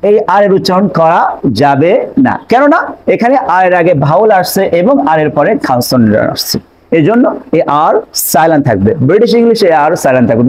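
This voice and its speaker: A man teaching English pronunciation in an online lesson, explaining step by step and repeating examples slowly. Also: a little high, a little mellow, rough recording.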